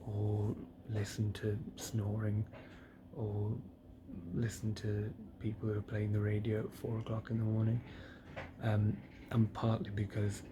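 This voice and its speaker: Alone in a private hospital room, a man keeps a health-diary vlog right after surgery, sleepy and relaxed, letting his quiet, hesitant remarks trail away. His pitch is on the low side. He records himself on a device with a screen, amid noisy room ambience.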